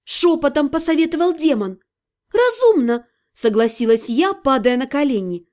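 Give me a woman with a high voice reading a fantasy novel aloud in first person, wry and brisk. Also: expressive, darkish tone. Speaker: audiobook narrator.

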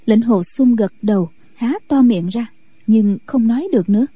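Dark-voiced, husky woman narrator. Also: a little high, moderate pace, no room sound. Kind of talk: audiobook story narration.

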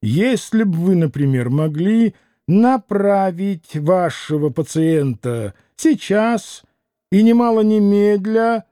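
A haughty male doctor who answers in short, clipped phrases and sounds impatient, read by a man. The voice sits high but stays mellow. The recording is dry and close. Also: animated, slow pace, dry recording. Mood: curt. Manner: curt, clipped speech.

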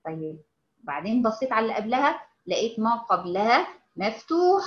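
Egyptian woman teaching recitation, high voice, patient and repetitive, lo-fi sound. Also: sing-song, reverberant. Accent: Egyptian Arabic. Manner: explains patiently, models words slowly and repeats them. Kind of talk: informal online lesson.

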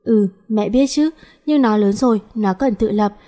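A woman's voice: mid-range voice, moderate pace, mellow, lightly acted. A woman voicing a firm, middle-aged widowed aunt who lays down the rules. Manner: firm, decisive.

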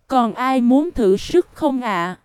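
Give me a woman voicing a courteous male MC, crisp and dry. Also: a little high, expressive, slow, a little mellow, no room sound. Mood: formal. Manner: formal, courteous. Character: polite male game-show MC.

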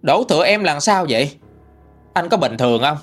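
A man's voice: on the high side, lively intonation, normal speed, fairly bright tone, soft background music. A man voicing a defiant middle-aged widow, answering indignantly and dismissively.

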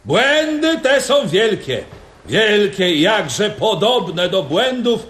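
A bombastic, high-pitched party boss in an echoey hall. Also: male voice, fairly bright tone, full character voice. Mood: pompous. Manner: declamatory, mocking and repetitive. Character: stern, bombastic male Soviet party official. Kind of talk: radio drama acting. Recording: roomy echo with faint crowd.

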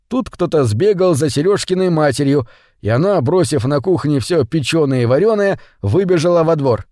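A man narrating a children's story audiobook in an expressive storytelling manner. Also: fairly high pitch, normal speed, no room sound, studio quality.

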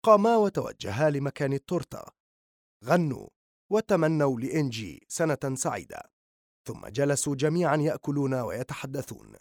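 A man narrating a novel as an audiobook reader, with expressive storytelling. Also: mid-range voice, moderate pace, no room sound, studio quality. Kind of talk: scripted narration.

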